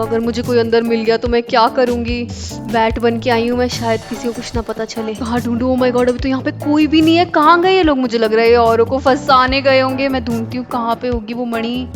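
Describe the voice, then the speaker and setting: A young woman narrating her game role-play, excitable and exclaiming to herself. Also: on the high side. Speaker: gaming video host. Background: game background music.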